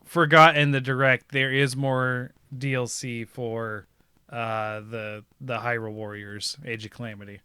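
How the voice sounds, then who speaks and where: A man co-hosting a casual gaming podcast, talking in an animated way and laughing easily. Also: medium pitch, measured pace, clear, resonant tone, dry recording. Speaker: podcast co-host.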